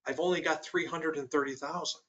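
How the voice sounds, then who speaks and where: Bright-voiced man explaining finances. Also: on the high side, steady tone, brisk, highs cut off. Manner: explains with worked examples, emphatic. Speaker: financial executive guest. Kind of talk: webinar explanation.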